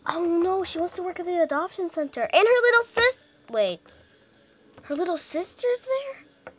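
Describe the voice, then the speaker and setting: A woman voicing a bossy, teasing girl in a toy skit, blunt and quick to complain. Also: very high-pitched, expressive. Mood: chattering. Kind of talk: toy skit role-play.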